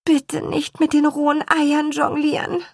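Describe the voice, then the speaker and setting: A woman voicing a sensible young girl who speaks softly and anxiously. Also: high-pitched, completely flat delivery, unhurried, gravelly, dry recording, clean studio sound, voice pushed up. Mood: worried. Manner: soft and hushed.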